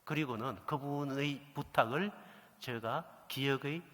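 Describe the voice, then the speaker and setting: A middle-aged man preaching a sermon, telling a story and acting out the dialogue with lively energy. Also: mid-range voice, a little slow. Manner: animated storytelling, acts out quoted dialogue. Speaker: pastor. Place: church sanctuary. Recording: echoey church hall reverb.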